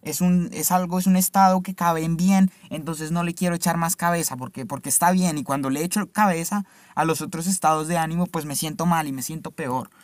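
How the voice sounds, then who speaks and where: A man's voice: fairly high pitch, steady tone, brisk, hardly any pauses, no echo. A young man talking casually and reflectively to the camera, swearing freely and often checking in with the listener. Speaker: vlogger.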